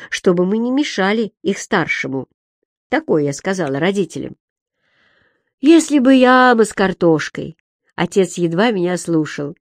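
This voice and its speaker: A woman narrating a childhood memoir aloud, expressive, lifting her voice for the family's quoted words. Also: on the low side, no echo, clean studio sound. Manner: expressive storytelling, lifts voice for quoted lines.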